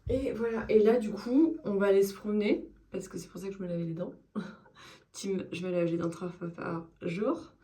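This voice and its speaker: A woman in her thirties chatting casually in a vlog, expressive and full of fillers. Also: medium pitch, normal speed. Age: 30s. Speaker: vlogger.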